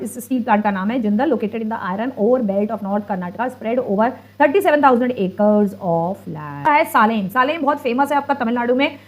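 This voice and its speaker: A woman in her thirties with an Indian accent, teaching a school geography lesson online, explaining patiently and reading English passages slowly. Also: a little high. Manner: explains patiently, repeats "ठीक है" often, reads English lines slowly. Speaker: social studies teacher.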